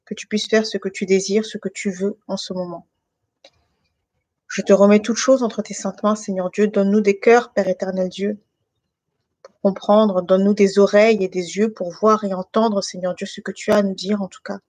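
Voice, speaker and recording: A woman's voice: mid-range voice, flat delivery, normal speed, a little mellow, no room sound. A woman from France, born to Guinean parents, talks over an online call from her living room. She has a mid-range voice, stops often with fillers and restarts her sentences, and the sound is dry and close. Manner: hesitant, many fillers and restarts. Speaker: guest giving a faith testimony. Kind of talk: casual spoken testimony and improvised prayer.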